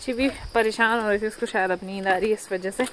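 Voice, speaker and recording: A woman's voice: mid-range voice, steady tone, quick pace, noisy background. A young woman, a mother, chatting casually to viewers in a home vlog, often adding little tag questions. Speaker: vlogger and mother. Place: home bedroom.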